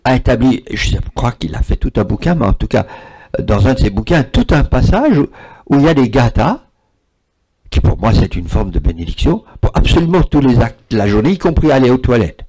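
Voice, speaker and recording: Animated husky man. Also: mid-range voice, fairly quick. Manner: animated, repeats words for emphasis. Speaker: spiritual speaker. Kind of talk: lecture with audience questions.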